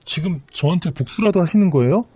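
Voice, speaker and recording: A man voicing a desperate, pleading young pregnant woman in a storytelling radio drama, whining and begging in a shrill tone. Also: lively intonation, fast talker, dark tone, no echo.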